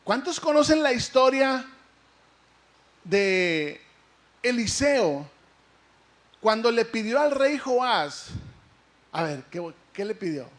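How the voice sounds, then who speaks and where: A male pastor preaching a lively sermon, asking the congregation questions and acting out the story. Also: very high voice, slow, long pauses.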